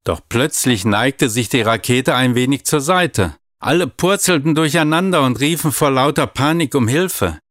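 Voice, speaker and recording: A man calmly reading a children's story aloud. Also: medium pitch, moderate pace, few pauses, dry recording, studio quality. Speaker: narrator.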